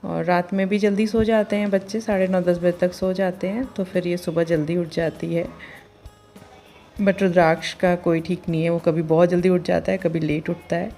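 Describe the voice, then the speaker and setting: A woman, a mother of two, narrating her daily routine in a chatty, homely vlog with many filler pauses. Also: lowish voice, level tone, warm tone, faint music behind.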